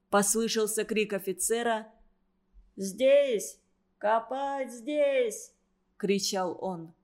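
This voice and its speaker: A woman narrating a wartime story in a steady, measured audiobook reading. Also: mid-range voice.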